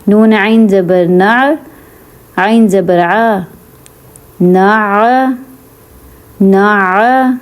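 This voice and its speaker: A woman with a Pakistani Urdu accent teaches Quran reading. She draws out each syllable slowly and repeats it patiently, then explains in quick, easy asides. Her voice is mellow and warm, at an ordinary pitch for a woman. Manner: patient, repetitive, drawn-out spelling of syllables.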